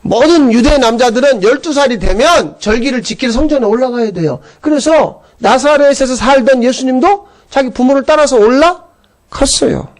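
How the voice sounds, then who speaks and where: A male pastor giving a Sunday sermon, telling the story in a lively, animated way with acted-out outbursts. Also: extremely high pitch, moderate pace.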